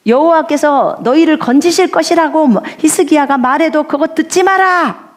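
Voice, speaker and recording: A woman voicing a boastful, taunting male enemy envoy in a retold story, speaking loudly and mockingly in a high pitch. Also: moderate pace, lightly acted.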